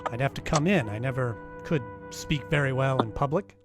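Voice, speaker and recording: In an old-time radio detective play performed live, a man plays a wisecracking private eye and also narrates, his tone dry and bargaining. He speaks at medium pitch and normal speed over loud music, lightly acted.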